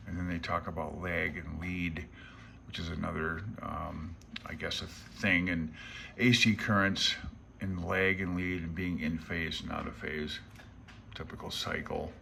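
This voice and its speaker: Gravelly and low, the man's voice sounds pushed and bright, with slight background noise. The amateur radio hobbyist and vlogger is leafing through a handbook, rambling casually about the book in a plain-spoken, self-deprecating way as a hobbyist, not an expert.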